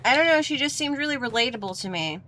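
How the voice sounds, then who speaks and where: A woman's voice: high-pitched, expressive, fast talker, bright, forceful tone, a little hiss or hum. A woman giving casual, playful video game commentary, chatting to the characters as she plays. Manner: playful, talks to the dolls.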